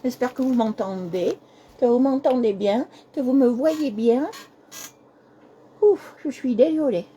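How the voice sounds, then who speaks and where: Hoarse high-voiced woman hosting a live stream. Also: measured pace, long pauses, lo-fi sound, slight background noise. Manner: soft-spoken, apologetic, repeats herself. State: hoarse, voice cracking. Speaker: host of a live craft stream. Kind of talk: casual live-stream chat.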